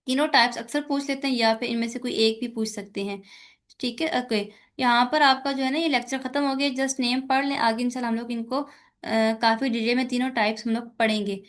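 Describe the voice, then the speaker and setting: Pakistani woman teaching, slightly high voice. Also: fairly even intonation, brisk. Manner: mixes English terms into Urdu, many fillers. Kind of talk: exam-focused lecture.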